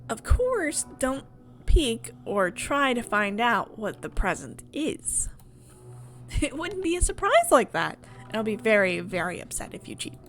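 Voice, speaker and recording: A woman voicing a mad, teasing female Hatter in a visual novel, with a drawn-out theatrical delivery. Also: a little high, big pitch swings, a bit bright, exaggerated voice. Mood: playful, coaxing.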